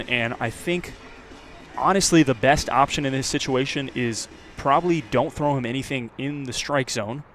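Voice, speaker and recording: With a mid-range voice and an American accent, a man gives live baseball play-by-play on radio. He sounds measured in the lulls and louder once the action starts.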